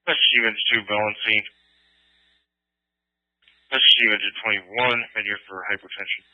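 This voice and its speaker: A man's voice: fairly low pitch, fairly even intonation, normal speed. A man working as an emergency dispatcher, reading out calls over two-way radio in clipped, procedural phrases. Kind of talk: fire and police scanner dispatch. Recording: tinny narrow-band scanner radio with hum.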